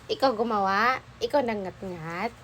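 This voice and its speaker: A woman's voice: mid-range voice, measured pace, a bit bright, a little hiss or hum, low-quality recording. A woman vlogging at home, mock-scolding and coaxing her dogs in pet talk. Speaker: vlogger and dog owner. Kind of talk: casual vlog, talking to her dogs.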